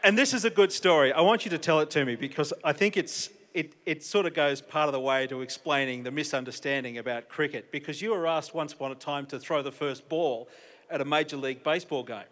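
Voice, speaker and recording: A man's voice: fairly high pitch, quick pace, fairly bright tone. A man hosting an on-stage interview, joking and playing to the crowd. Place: convention stage.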